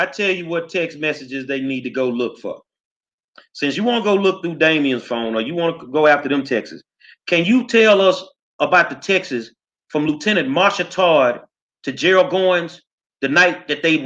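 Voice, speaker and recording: A man's voice: on the high side, lively intonation, moderate pace, fairly bright tone. A man co-hosting a political talk show, fired up, firing off rhetorical questions in blunt slang. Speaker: co-host. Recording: slightly dull, lo-fi line.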